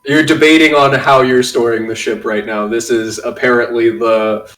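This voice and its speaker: A man's voice: medium pitch, fairly even intonation, moderate pace, a bit bright. A man running a tabletop game in casual, rambling, self-deprecating talk. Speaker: game master. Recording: echoey room, far from mic.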